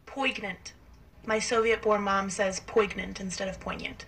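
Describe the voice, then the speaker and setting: Bright, wry woman, a little distant. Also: medium pitch, a little slow, vocal fry, husky. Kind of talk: casual storytelling.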